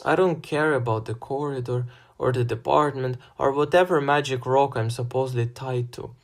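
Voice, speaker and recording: A man's voice: medium pitch, fairly even intonation, moderate pace, gravelly, natural voice. A man voicing a sarcastic teenage boy who turns panicky. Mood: panicked.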